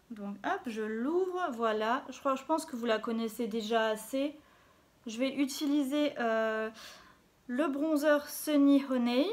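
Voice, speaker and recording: A woman talking casually through her makeup routine as a beauty vlogger, chatty and dropping little interjections as she works. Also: a little high. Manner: chatty, fills gaps with little interjections while working. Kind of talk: casual makeup tutorial talk. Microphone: phone camera.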